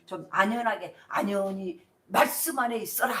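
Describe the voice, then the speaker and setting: A middle-aged woman, the senior pastor, preaches a sermon in a church sanctuary, animated and drawing call-and-response with questions. Her mid-range voice moves at a moderate pace, captured from a distance in the roomy, echoey hall.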